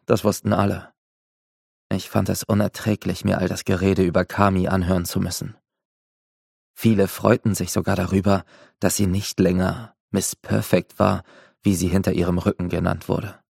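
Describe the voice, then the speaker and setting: A man reading a first-person novel aloud in steady, measured audiobook narration. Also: low voice, creaky, breathy edge, no echo, studio quality.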